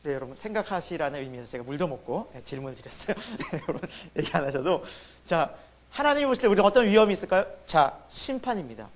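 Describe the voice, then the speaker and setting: A man preaching a sermon as pastor. He asks the congregation questions and answers them himself, and his voice swings between loud emphasis and sudden hushed drops. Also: a little high, very animated, fast. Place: church sanctuary.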